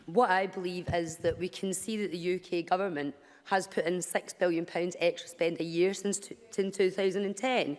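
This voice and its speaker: A woman member of parliament, her voice slightly croaky, arguing firmly in a debate speech. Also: lowish voice, fairly even intonation, normal speed, a little mellow. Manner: firm, argumentative. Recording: long reverb of a debating chamber.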